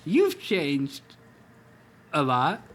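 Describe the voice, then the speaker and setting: A big friendly tiger who has not aged, as a man puts him on. He sounds eager and young, pitched above the reader's normal voice. The delivery bounces between high and low. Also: wildly swooping pitch, moderate pace, fairly bright tone, slight background noise, exaggerated voice. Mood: fond. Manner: eager, youthful voice. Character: big furry old tiger, youthful and friendly.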